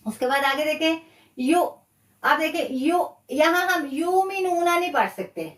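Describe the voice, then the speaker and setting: Woman teacher, high voice, slow and patient, echoey room away from the mic. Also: lively intonation, far from the mic. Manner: slow, patient explaining with repetition. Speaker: Quran tajweed teacher. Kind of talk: live online lesson.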